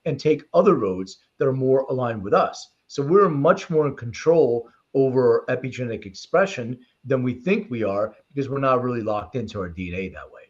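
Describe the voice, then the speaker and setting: This interview guest, who leads a precision medicine company, was born in Lithuania and raised in Philadelphia from age six. His medium-pitched voice is animated, moving at normal speed with few pauses as he answers conversationally, explaining informally through anecdotes and personal stories. The recording sounds slightly muffled and lo-fi.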